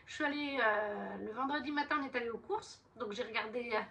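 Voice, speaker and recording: Recorded from a distance, a book vlogger chats casually about her books, rambling with filler words and restarts. Her voice is a little high, bright, and forceful, and she talks somewhat fast.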